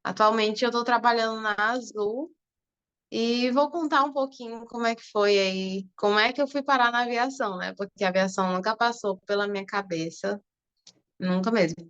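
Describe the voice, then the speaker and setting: A woman of twenty-one from Fortaleza, speaking softly because of a sore throat as guest speaker in an online class, with many casual fillers. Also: on the high side, moderate pace, clean tone, dull audio. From Fortaleza, Brazil. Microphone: video call.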